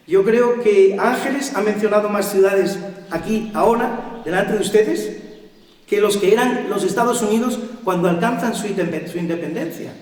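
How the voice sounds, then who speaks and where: A man's voice: sits high, recorded from a distance. Emphatic man lecturing in an echoey hall. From Spain. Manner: emphatic, rhetorical questions to the audience. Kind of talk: public lecture to an audience. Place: cultural center hall.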